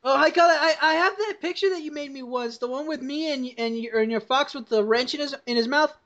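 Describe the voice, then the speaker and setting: A woman's voice: high voice, fast, a bit bright. A young adult woman hosting a casual podcast over a voice call, telling a rambling, profane story with lots of laughter. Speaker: podcast host. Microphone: voice call headset or computer mic. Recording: dull lo-fi voice call.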